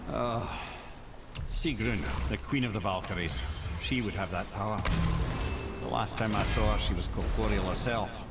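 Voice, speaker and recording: A man's voice: fairly low pitch, normal speed, natural voice. An actor with a Scottish accent playing a wry, genial talking head who boasts of his cleverness in a video game. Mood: guarded, knowing. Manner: wry, teasing, theatrical. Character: talking severed head, self-proclaimed smartest man, wry and genial. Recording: loud game music behind.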